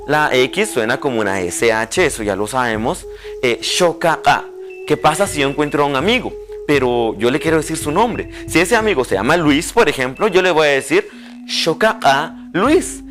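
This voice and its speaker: Animated man teaching pronunciation. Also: fairly high pitch, faint music behind. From Guatemala. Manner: slow, carefully spelled-out pronunciation drills. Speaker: language teacher. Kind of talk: televised language lesson.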